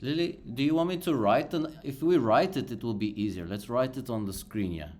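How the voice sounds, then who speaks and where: With a mid-range, slightly mellow voice, a native Bulgarian speaker tutors English one-on-one via video call. The lesson is patient, slow and encouraging, with words repeated and spelled out.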